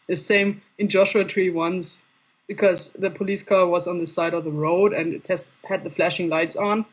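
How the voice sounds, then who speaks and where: A man calling in on a video call as a guest, telling casual stories in an animated way. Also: high voice, moderate pace, poor audio.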